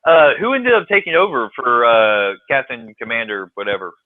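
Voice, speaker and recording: A man's voice: medium pitch, animated, moderate pace, dry recording. A man co-hosting a casual podcast chat, laid-back and swearing freely, often hesitating with ums. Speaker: podcast co-host. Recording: tinny phone-like line, dry.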